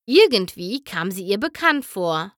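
A woman narrating a children's storybook in an expressive, animated way. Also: mid-range voice, a little slow, no echo, clean studio sound. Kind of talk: storybook reading.

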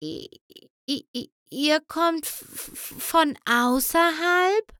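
A woman voicing a timid young female pony who stammers in a soft, trembling voice. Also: on the high side, big pitch swings, takes it slowly, no echo, studio quality. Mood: frightened.

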